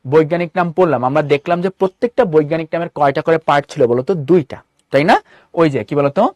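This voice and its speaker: A man's voice: a little high, a little mellow, no echo. A man with a Bangladeshi Bengali accent teaching a live online class, rattling off questions to his students. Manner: quick, repeatedly quizzing students with rhetorical questions. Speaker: online tutor.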